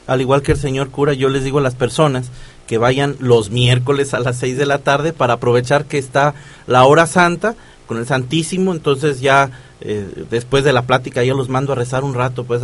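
A man, a priest explaining calmly in a casual conversation. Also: mid-range voice.

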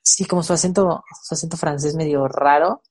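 A young woman with a Mexican accent, telling stories in a relaxed, casual chat full of fillers. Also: deep voice, a little fast, breathy edge. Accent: Mexican Spanish. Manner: relaxed storytelling with many fillers.

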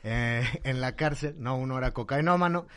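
A man with a Mexican accent telling jokes casually among friends, animated and full of fillers. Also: medium pitch, normal speed. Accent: Mexican Spanish. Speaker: joke teller.

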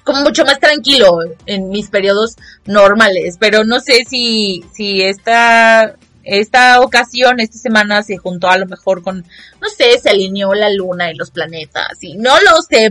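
A young woman with a Mexican Spanish accent, telling a casual vlog story in an expressive, dramatic way and mocking the people she quotes. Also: mid-range voice, moderate pace, faint music behind. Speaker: vlogger.

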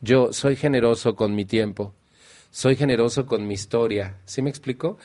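A man addresses a live audience. His voice sits at a middling pitch, and his tone is playful and conversational. He often puts questions to the room. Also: moderate pace, darkish tone. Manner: playful, asks the audience questions, acts out quotes in a higher voice. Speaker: speaker at a recovery meeting. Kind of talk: motivational talk to a live audience.

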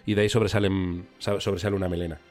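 Lively young podcaster. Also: male voice, low voice, racing. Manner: animated storyteller, acts out voices. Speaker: podcast co-host. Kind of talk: casual chat.

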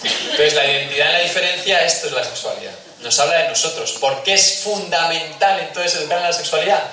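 Male speaker addressing parents, bright and forceful, chatty with asides to the audience, recorded far off in a roomy hall. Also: fairly high pitch, a little fast. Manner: conversational, asks the audience questions, acts out little scenes. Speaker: speaker giving a talk on family and faith. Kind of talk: talk to parents.

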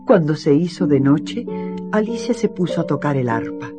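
A storyteller giving an expressive reading of a children's fairy tale. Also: mid-range voice, moderate pace, over music. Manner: expressive, lively. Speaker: narrator. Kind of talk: storybook narration.

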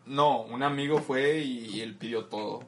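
A man's voice: medium pitch, moderate pace, fairly bright tone. Slangy young Mexican man telling a story. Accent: Mexican Spanish. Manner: storytelling, slangy, frequent laughs. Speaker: podcast co-host. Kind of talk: casual chat. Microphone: lapel mic.

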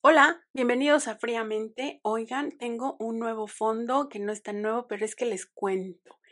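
A young woman with a Mexican Spanish accent, hosting her show in a chatty, expressive, self-mocking way. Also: fairly high pitch, normal speed. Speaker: podcast host. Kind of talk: casual chat.

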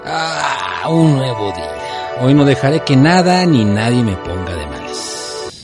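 A man's voice: mid-range voice, very animated, unhurried, over loud music. A man with a Mexican accent playing a grumpy, foul-mouthed radio boss in a comic audio drama, curt and irritable. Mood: forced calm.

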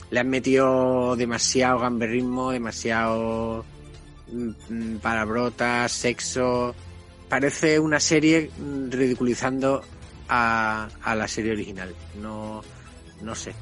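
A man with a Castilian accent chatting casually as a podcast panelist, haltingly searching for his words. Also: mid-range voice, little pitch movement, a bit bright. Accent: Castilian Spanish. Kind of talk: casual review chat. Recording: music behind the voice.

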